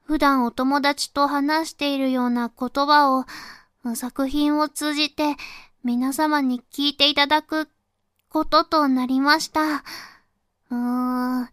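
Slow, soft-spoken Fukuoka woman. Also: high-pitched, steady tone, dry recording, studio quality. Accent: Hakata dialect. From Fukuoka, Japan. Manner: soft, unhurried, full of little "un" fillers. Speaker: voice performer. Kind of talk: casual afterword talk to listeners.

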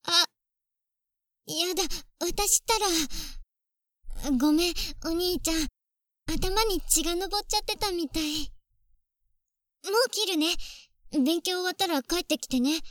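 A woman's voice: extremely high pitch, moderate pace, fairly bright tone, no echo, clean studio sound. A woman voicing a clingy, possessive younger sister on a phone call, sweet at first and coldly jealous underneath. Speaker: voice actress in phone-call role-play. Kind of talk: phone-call role-play drama.

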